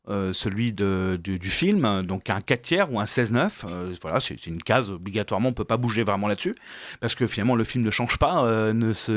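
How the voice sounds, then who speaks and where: A man's voice: medium pitch, no echo, studio quality. A man giving radio interview answers about his art, thoughtful and full of hesitations and restarts. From Flemish background. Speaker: guest, painter and storyboard artist.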